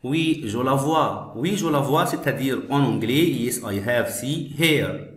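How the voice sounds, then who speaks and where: A male teacher's voice, slow and patient, repeating every phrase and then explaining it. His voice sits at an ordinary middle pitch. It echoes around the room. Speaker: French teacher.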